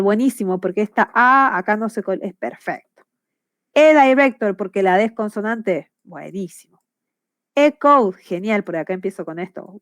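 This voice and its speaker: A woman's voice: on the high side, no room sound, clean studio sound. A woman teacher, patiently explaining English grammar in class and often checking that students follow.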